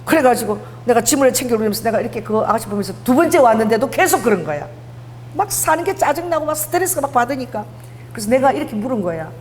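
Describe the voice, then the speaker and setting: A woman's voice: on the high side, animated, fast talker, darkish tone. A middle-aged woman pastor preaching a conversational sermon, telling personal stories and acting out the dialogue. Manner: conversational, mixes casual and polite speech, acts out dialogue. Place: church prayer hall. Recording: long hall reverb, faint hum.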